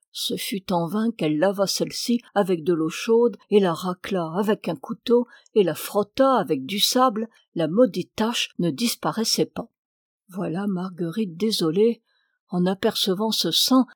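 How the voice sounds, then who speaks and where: Femme qui lit un conte. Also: female voice, medium pitch, a little mellow, no room sound, clean studio sound. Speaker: audiobook reader. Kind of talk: reading a folk tale aloud.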